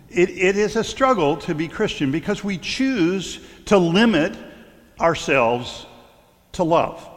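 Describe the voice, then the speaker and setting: A man's voice: a little high, a bit bright. A middle-aged male clergyman giving a conversational sermon, telling stories with frequent fillers and stumbles. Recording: long hall reverb.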